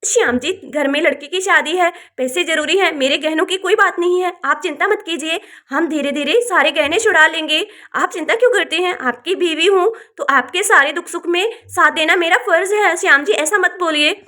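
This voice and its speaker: A selfless, devoted wife from a village doll drama, played by a woman. She insists and reassures in a bright, very high voice. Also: normal speed. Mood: reassuring.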